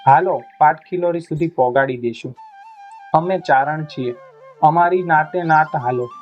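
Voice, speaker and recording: A man's voice: on the high side, a little slow, highs cut off, soft background music, natural voice. A man voicing a proud young male devotee who talks in a brusque, commanding way. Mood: gruff.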